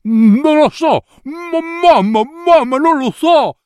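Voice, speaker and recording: Spoiled storybook girl, whiny and rude, high pitch, put on by a man. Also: very animated, measured pace, bright, forceful tone, no room sound, studio quality, full character voice. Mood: whimpering. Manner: whiny and sulky.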